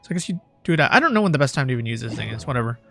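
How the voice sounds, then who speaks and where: A man's voice: mid-range voice, sing-song, rapid-fire, creaky, sharp tone, dry recording, soft background music. A man livestreaming a game, chatting casually, swearing and musing aloud about his choices.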